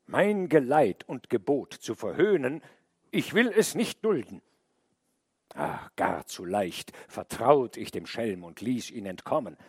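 An angry, stately animal king, as a man reading a fable puts him on, swears a solemn oath of punishment. His voice drops lower and sterner than the narration, slow and deliberate. The sound is dry and close. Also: slightly rough, dry recording, heavily acted.

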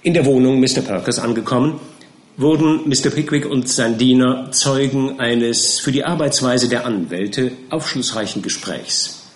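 A man reads an audiobook in a measured, theatrical way. His voice sits at a middle pitch. The recording has a roomy, echoing sound. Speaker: audiobook reader. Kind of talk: scripted narration. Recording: roomy echo.

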